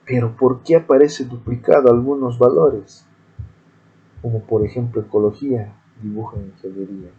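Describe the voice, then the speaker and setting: A man's voice: medium pitch, steady tone, moderate pace, husky, phone-quality sound. A man voicing an eager young male student who urgently questions his teacher.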